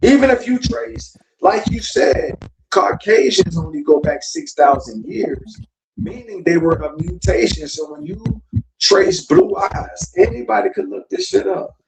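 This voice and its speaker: Guy going off in a group chat, kinda high voice, lecturing everybody, sounds far from the mic in an echoey room. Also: animated, normal speed, vocal fry, a crowd in the background. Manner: emphatic, lecturing, addresses listeners directly. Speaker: podcast co-host. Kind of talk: casual group discussion. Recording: roomy echo, set back from the mic.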